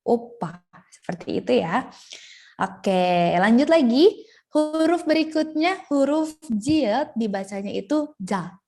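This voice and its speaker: Lively young woman tutoring over video call. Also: high-pitched, slow pace, faint music behind. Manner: chatty, playful, drawing out syllables to demonstrate sounds. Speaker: Korean language tutor. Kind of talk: online language lesson.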